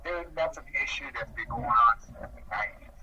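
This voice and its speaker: A man's voice: mid-range voice, lively intonation, brisk. A man on a phone speaker, chatting in a laid-back way and swearing casually. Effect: heard over a phone speaker. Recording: distant muffled speakerphone with background noise.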